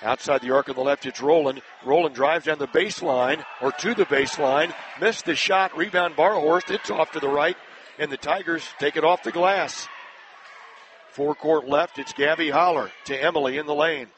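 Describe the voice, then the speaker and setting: A man announcing a live high school basketball game play-by-play, brisk and climbing higher and louder when a play breaks open. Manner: brisk, rising sharply in pitch and volume on big plays. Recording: broadcast with loud crowd noise.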